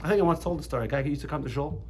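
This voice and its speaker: Against a noisy background, a man with a fairly high voice talks very fast. He's a rabbi leading a Torah class for students, chatty and storytelling, frequently restarting and going off on asides.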